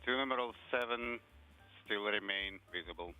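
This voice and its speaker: A man's voice: fairly low pitch, normal speed, sharp tone. A man giving clipped procedural callouts as an interpreter over a tinny space-to-ground radio link. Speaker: interpreter relaying spacecraft comms. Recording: tinny radio line with faint music.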